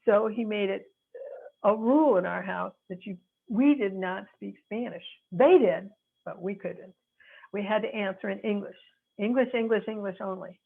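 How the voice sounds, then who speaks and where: A sixtyish attorney from North Chicago in the American Midwest offers earnest, frank, reflective advice, pausing to find the right words. She speaks at a moderate pace in a medium pitch with vocal fry and a breathy edge, and the line sounds tinny, like a phone.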